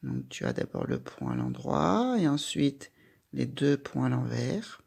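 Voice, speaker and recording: A woman's voice: extremely low pitch, huge pitch swings, a little slow, creaky, a little mellow, breathy edge. A woman giving a patient, step-by-step handwriting lesson, speaking directly to a young child with simple instructions. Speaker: handwriting teacher.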